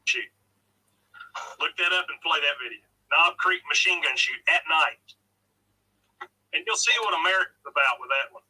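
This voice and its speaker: A man's voice: a little high, moderate pace, long pauses, sharp tone, husky, distant mic, rough recording. A man with a Cockney accent talking brashly in a played-back video clip.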